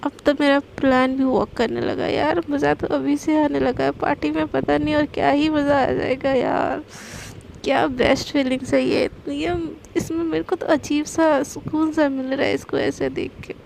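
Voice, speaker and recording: Woman doing a teasing girlfriend, breezy and quick, high voice with some fry. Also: fairly even intonation, a little mellow, slight background noise. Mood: gleeful.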